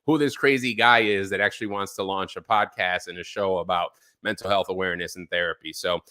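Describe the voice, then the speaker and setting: Bright, dry-voiced male podcast host. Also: low voice, brisk, no room sound. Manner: relaxed, filler-heavy talk with frequent ums. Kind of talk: live-stream interview show.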